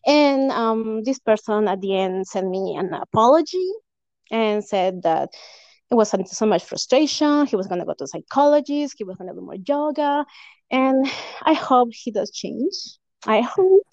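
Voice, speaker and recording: High-voiced woman. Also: expressive, normal speed, no room sound. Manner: earnest, warm-hearted, laughs between phrases. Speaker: podcast guest. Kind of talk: casual chat. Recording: dull, dry lo-fi recording.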